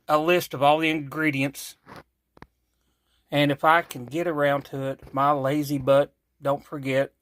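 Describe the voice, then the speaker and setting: A man's voice: a little high, a bit bright, dry recording. Appalachian man hosting a cooking vlog. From Kentucky, USA. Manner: folksy, self-correcting, chatty asides. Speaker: cooking channel host. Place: home kitchen.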